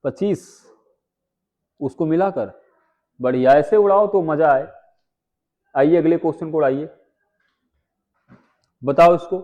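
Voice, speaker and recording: Male maths tutor, high voice, muffled lo-fi audio, chatty and quizzing. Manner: chatty, asks students quick questions. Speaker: maths teacher. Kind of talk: live online exam-prep class.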